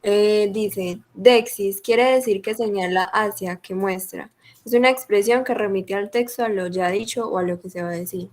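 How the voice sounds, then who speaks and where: A woman's voice: medium pitch, fairly even intonation, moderate pace, a little mellow. A female student with a Colombian Spanish accent, politely reading a passage aloud in an online class. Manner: polite, reads carefully. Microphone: computer mic on a video call.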